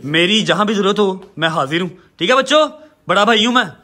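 Guy vlogging, high bright voice, jokey and pushy, lots of "theek hai". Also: lively intonation, fairly quick. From Pakistan. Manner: warm, teasing, emphatic. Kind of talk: casual family vlog talk.

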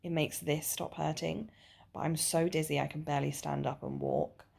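In her twenties and recovering from dental surgery, this vlogger sounds weary, nauseous, and sore-jawed as she chats casually to her video diary in a small room at home, either a living room or bedroom. Her low voice holds steady at a moderate pace, dark in tone with vocal fry and a breathy edge.

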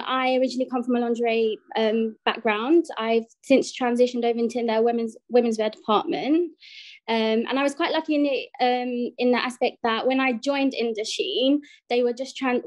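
A woman's voice: fairly high pitch, fairly even intonation, normal speed, darkish tone. A woman from the UK, a pattern maker, answering interview questions casually over a video call with many ums. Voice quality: chatty, filler-heavy.

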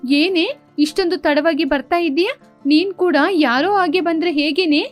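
A woman voicing a gentle young bride who lovingly scolds her younger sister, in a storybook tale. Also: very high-pitched, normal speed, soft background music. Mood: chiding.

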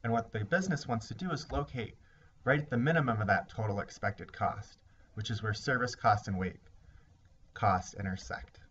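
A man with a low-pitched voice delivers a recorded lesson, walking through each point in a measured, explanatory way. The recording sounds slightly dull and lo-fi, with faint hiss underneath. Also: fairly bright tone. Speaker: instructor. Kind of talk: recorded lecture.

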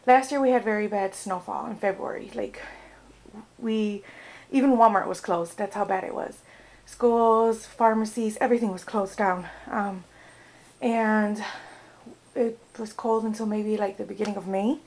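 A woman's voice: mid-range voice, steady tone, unhurried, darkish tone, poor audio. A young American woman chatting casually in a vlog, rambling with lots of fillers. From United States. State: out of breath. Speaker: vlogger.

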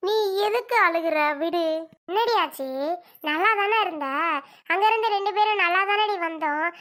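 Woman doing a very high-voiced village mom, scolds and frets. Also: normal speed, fairly bright tone. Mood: fretful. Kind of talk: family drama skit.

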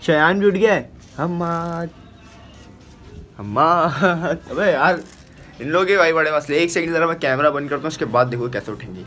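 A young man from Pakistan with a Karachi Urdu accent, vlogging at home in a chatty, excitable, teasing way. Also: on the high side, fast, music in the background. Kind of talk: casual home vlog. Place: family home indoors.

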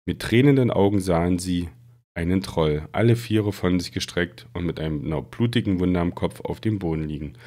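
A man reading a children's fantasy book aloud in a steady storytelling manner. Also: deep voice. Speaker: reader.

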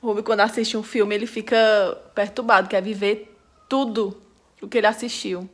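A woman's voice: medium pitch, fairly even intonation, a little fast. A young woman chatting straight to her viewers in a casual home vlog, filmed on a handheld camera at arm's length in her kitchen and living room. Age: young adult. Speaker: vlogger.

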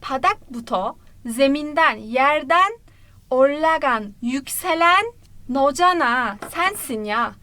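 Woman, high-pitched, lively language teacher walking viewers through lyrics piece by piece. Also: dry recording. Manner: lively and explanatory, addressing viewers directly; breaks Korean phrases into parts, repeating them slowly. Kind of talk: explaining song lyrics in an online lesson.

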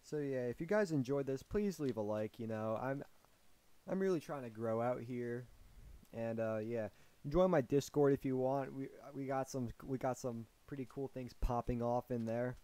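A man's voice: medium pitch, normal speed, warm tone, no room sound. A young man rambling through a storytime vlog, with many fillers and restarts. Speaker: vlogger.

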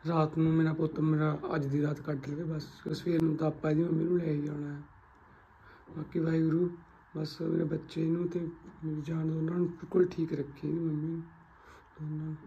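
Gravelly-voiced man vlogging quietly. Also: on the high side, little pitch movement, a little fast, highs cut off, a little hiss or hum. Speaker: family vlogger. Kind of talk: casual vlog talk to camera.

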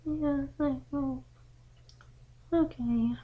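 A man's voice: very high-pitched, fairly even intonation, extremely slow, phone-quality sound, voice pushed up, full character voice. Rainbow Dash, a stammering young pony mare voiced by a man. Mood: sheepish. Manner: stammering, pleading, nervous. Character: young female pegasus pony, brash but sheepish. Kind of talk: amateur fan audio drama.

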